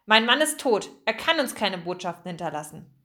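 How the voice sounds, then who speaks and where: A woman's voice: mid-range voice, very animated, a little fast, pushed and bright, soft background music. Woman doing a stern old shop lady. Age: older. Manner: stern, firm.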